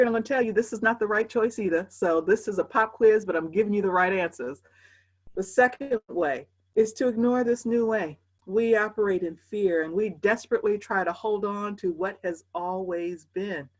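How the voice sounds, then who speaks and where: A woman preaching a sermon, addressing her listeners with emphatic repetition and short laughs between phrases. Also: medium pitch. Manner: emphatic repeated address, rising and falling intensity.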